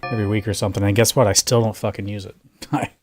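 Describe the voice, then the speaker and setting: A man's voice: on the low side, level tone, quick pace, darkish tone, faint music behind. A man among the players, chatting casually and teasing the others. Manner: teasing, laughs often.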